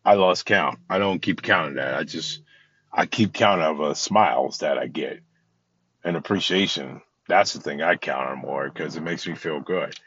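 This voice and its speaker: Deep-voiced man giving heartfelt advice. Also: moderate pace, fairly bright tone, husky, no echo, highs cut off. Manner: rambling, heartfelt, many restarts. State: tired. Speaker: podcast host. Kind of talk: casual motivational talk.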